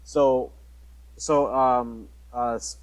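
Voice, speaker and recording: Man, podcast co-host, mid-pitched voice, laid-back casual chat, says dude. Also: fairly even intonation, very slow, low-quality recording.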